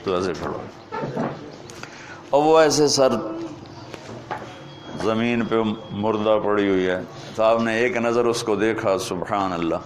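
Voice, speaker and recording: A man's voice: on the low side, long pauses, slight background noise. A man preaching a sermon and telling stories with emotional, swelling delivery. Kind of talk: sermon storytelling.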